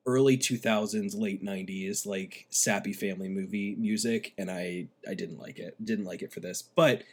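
Man, fairly low voice, casual film review, opinionated. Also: fairly even intonation, normal speed. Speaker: podcast co-host.

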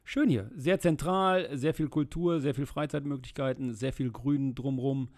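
A middle-aged man from the Rhineland, answering questions in a casual interview, fluent and steady with frequent filler sounds. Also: medium pitch, moderate pace. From Germany, Rhineland. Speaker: interview guest, state politician.

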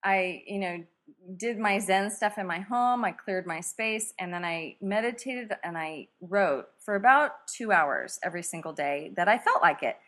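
A woman's voice: mid-range voice, moderate pace. A middle-aged woman author, guest in a conversation, telling a story and acting out quoted lines with laughter. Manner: animated, acts out quotes with laughter.

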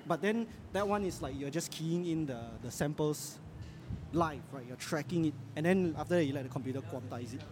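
A Singaporean man with a slightly high voice hosts a casual podcast while out and about. His talk is informal and colloquial, peppered with Singlish particles, and noisy public ambience is clearly heard around him. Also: a little fast. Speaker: podcast host.

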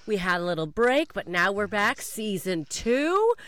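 A woman's voice: mid-range voice, sing-song, measured pace, fairly bright tone, slight background noise. A Canadian woman chatting casually as a podcast co-host and comedian.

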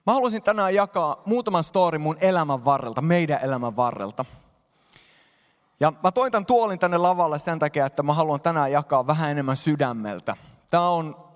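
Addressing the congregation head-on, a pastor delivers a lively sermon in a fairly high male voice. His words ring out with the long echo of a church hall.

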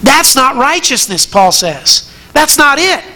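Bright, high-voiced male preacher. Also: big pitch swings, slow. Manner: earnest, repeats words when starting phrases, rising emphatic peaks. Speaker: pastor. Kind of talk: sermon.

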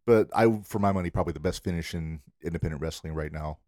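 A man co-hosting a wrestling podcast in casual chat, eager and quick to agree. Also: low voice, darkish tone, no room sound, clean studio sound. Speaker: podcast co-host.

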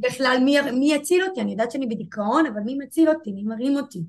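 Young woman in her 20s, kinda high voice, stumbling and repeating herself telling a rough story to an interviewer. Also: expressive, a little mellow. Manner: halting, repeats herself, voices rise and fall with emotion. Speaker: guest. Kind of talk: emotional personal interview.

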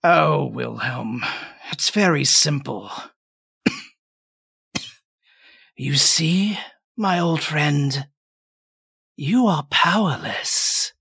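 A man voicing a frail old man on his last breath, weak and coughing but quietly triumphant. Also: a little high, drawn-out words, vocal fry, pauses often, breathy edge, full character voice. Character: dying frail old man, calm and mocking.

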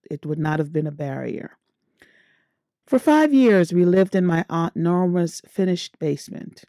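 A middle-aged woman from Guyana, hosting a podcast and telling her own story in a measured, earnest way. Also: fairly low pitch, vocal fry, warm tone, dry recording. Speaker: podcast host. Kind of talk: scripted personal monologue.

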